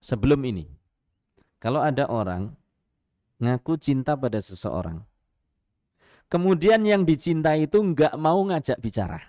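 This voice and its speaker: A male Islamic preacher with a Javanese accent delivers a radio sermon at medium pitch and normal speed, pausing often. He tells stories in an animated, lively way, throwing in rhetorical questions and chuckles. The studio recording is clean, with no echo.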